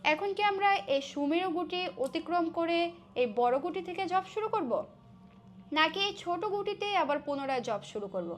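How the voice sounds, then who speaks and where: A woman with a Bengali accent teaches a devotional chanting practice, her voice sitting high. She chants the mantras slowly and melodiously between plain instructions, over a faint hiss. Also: expressive.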